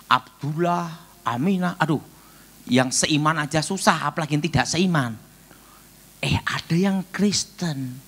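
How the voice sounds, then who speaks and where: A middle-aged man, preaching a sermon as a pastor and telling stories with joking asides and sudden loud bursts. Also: a little high.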